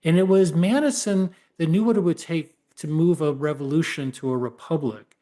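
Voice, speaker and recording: A male professor appears as an interview guest. He stumbles and restarts at first, then moves into an explanatory, lecturing flow. His voice sits a touch high. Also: normal speed, mellow. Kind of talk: interview answers.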